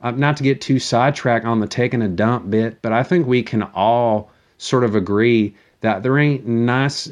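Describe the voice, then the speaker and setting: A man delivering a rambling, profane comic monologue, repeating words and stammering as he goes. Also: medium pitch. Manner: crude, foul-mouthed.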